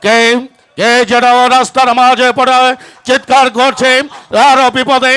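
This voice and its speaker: A man's voice: very high voice, level tone, a little slow, sharp tone, clean tone, exaggerated voice. A man playing a bold, big-hearted bandit chief in a Bengali village folk drama, declaiming solemnly. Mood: alarmed concern. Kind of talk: Bengali village jatra melodrama acting.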